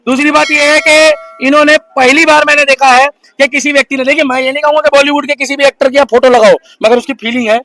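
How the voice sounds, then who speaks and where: A man's voice: very high voice, steady tone, fast, hardly any pauses, pushed and bright, low-quality recording. A man giving an impassioned street interview, preachy and mocking toward absent critics. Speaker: bystander interviewee.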